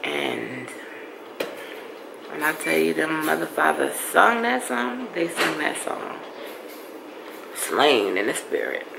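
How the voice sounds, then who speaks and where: Chatty low-voiced woman vlogging. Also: big pitch swings, slow pace, vocal fry, long pauses. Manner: chatty, playful, uses "y'all". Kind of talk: casual vlog chat. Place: car and shops. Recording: noisy phone recording.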